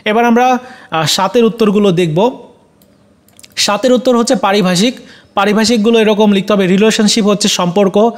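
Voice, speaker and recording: A man with a Bangladeshi Bengali accent and a fairly high voice explains exam answers to students. He speaks to them directly as a teacher, pausing often on "ah" and correcting himself as he goes. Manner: addresses students directly, frequent "ah" fillers and self-corrections. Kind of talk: exam solution walkthrough.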